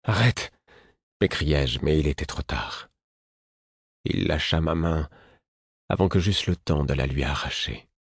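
Deep, husky male audiobook narrator. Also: a little slow, pauses often, dry recording, studio quality.

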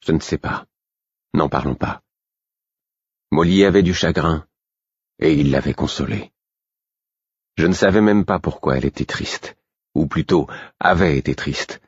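A man reading a fantasy novel aloud as an audiobook, in measured storytelling narration. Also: a bass voice, breathy edge, no echo, lo-fi sound. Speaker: audiobook reader.

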